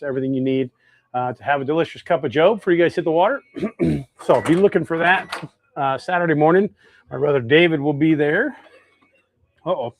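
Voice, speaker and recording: A little hiss or hum runs under this mid-range male voice. He's an American hosting a fishing lure making livestream, giving a casual live demonstration and chatting with viewers in a folksy, easygoing manner while thinking aloud as he works.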